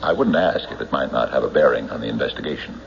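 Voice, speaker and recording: In a noisy, muffled vintage radio recording, an actor voices a stolid, methodical county sheriff for an old-time radio drama, mixing the acting with police-report narration. His very deep male voice is creaky and exaggerated yet lively in intonation, and he speaks in a formal, deliberate, official way. The mood is probing, with hesitant questioning that marks him as doggedly skeptical.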